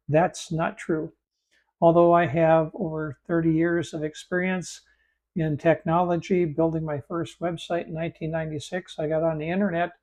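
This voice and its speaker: Male tutorial host in his 50s, a bit froggy, casual and chatty with restarts, darker tone, slightly raised pitch. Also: dark tone. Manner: conversational, with fillers and restarts. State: froggy voice from allergies. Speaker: host and AI instructor. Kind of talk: screen-share tutorial narration.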